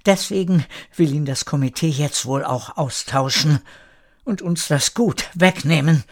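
A man doing an earnest estate lady, slow and pressing. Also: a little high. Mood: urgent. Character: warm-hearted woman estate owner, urgent. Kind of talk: audiobook character voice.

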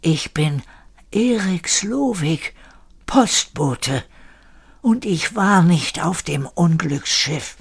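A man voicing a weak, wounded old man in an audio drama, speaking in a breathy whisper. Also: on the high side, expressive, very slow, voice pushed up, heavily acted.

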